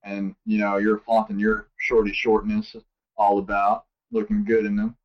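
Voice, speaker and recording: A man's voice: fairly low pitch, monotone, moderate pace. Man speaking a bit off-mic. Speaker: podcast co-host. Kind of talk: casual chat. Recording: distant, dull lo-fi sound.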